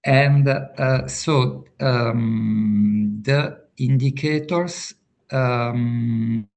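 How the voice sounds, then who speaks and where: A man presenting slides over a video call, speaking haltingly with many filler sounds. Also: medium pitch, a little mellow. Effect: remote voice on a video call. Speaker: workshop presenter.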